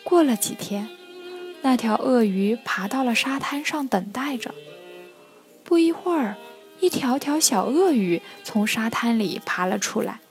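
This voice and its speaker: Soft-voiced woman telling a bedtime story. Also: a little high, a little slow. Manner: soft, expressive, often hushed. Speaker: children's storyteller. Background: faint music.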